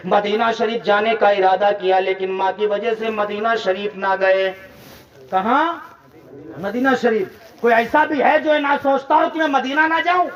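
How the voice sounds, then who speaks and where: A man giving an impassioned religious sermon to a large gathering, telling a story and rising to shouts while prompting the crowd to respond. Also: sits high, steady tone, a little slow, recorded from a distance, dull audio. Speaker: maulana preaching.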